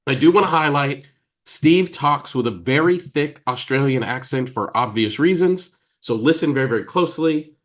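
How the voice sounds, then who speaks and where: A man with an American accent, giving a teaching talk as a therapist, emphatic and pausing deliberately, acting out quoted dialogue. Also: mid-range voice. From United States. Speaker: psychotherapist and trainer.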